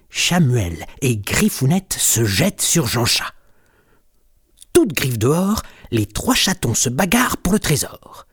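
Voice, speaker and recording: A storyteller reading a children's story at a slow, unhurried pace. The pitch swoops widely from line to line, and the voice has a breathy, husky grain. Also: dry recording, studio quality.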